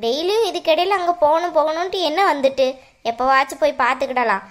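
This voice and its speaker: A woman voicing a stern, high-voiced mother-in-law. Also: quick pace, natural voice. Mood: musing. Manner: scolding, lecturing. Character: stern middle-aged mother-in-law, secretly caring. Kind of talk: cartoon voice acting.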